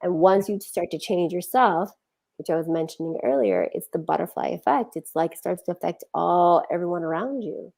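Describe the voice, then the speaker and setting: A woman giving a conversational talk on healing, animated and acting out quoted feelings as she speaks. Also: lowish voice, normal speed, gravelly.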